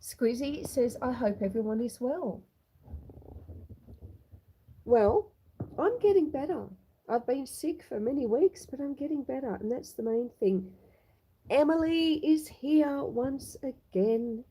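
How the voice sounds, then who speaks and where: Still snuffly and coughing from a long illness, a woman hosts an outdoor live stream from her homestead, addressing viewers by name in casual chat. Her high, mellow, expressive voice moves slowly with frequent pauses. The phone-on-tripod audio is poor, with a little hiss or hum.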